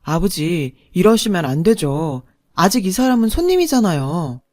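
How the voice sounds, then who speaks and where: A woman voicing a gentle young husband who pleads with his father to stop. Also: lowish voice, very animated, moderate pace. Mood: pleading. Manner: mild, pleading.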